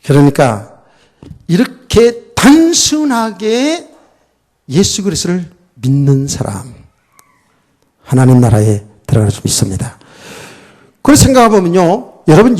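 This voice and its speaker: A man's voice: high-pitched, darkish tone. A middle-aged man preaching a sermon as pastor, often putting questions to the congregation.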